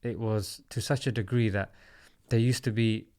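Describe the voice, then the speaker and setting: Smooth-voiced man in his thirties. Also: lowish voice, steady tone, normal speed, a little mellow. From South London, England. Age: 30s. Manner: reflective, earnest storytelling. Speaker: podcast guest, comedy YouTuber. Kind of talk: casual interview talk.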